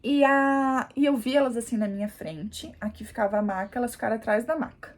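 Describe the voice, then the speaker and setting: A young woman vlogger casually telling a story to camera in an animated way, often calling out to her viewers and showing what she did. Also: fairly high pitch, a little fast. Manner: animated, addresses viewers as "gente", demonstrates positions. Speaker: vlogger, new mother.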